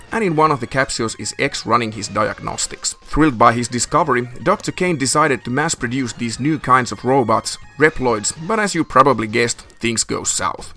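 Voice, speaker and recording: A man's voice: mid-range voice, moderate pace, hardly any pauses, pushed and bright. A man narrates a scripted video game review over background music. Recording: music behind the voice.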